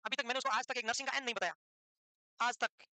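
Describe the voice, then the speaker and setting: A quick-talking man with an unusually high, bright voice lectures a live nursing class. He teases his students and pushes them with rapid questions. The sound is close and dry, with little room echo. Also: steady tone, clear, resonant tone. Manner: teasing, fires questions at students.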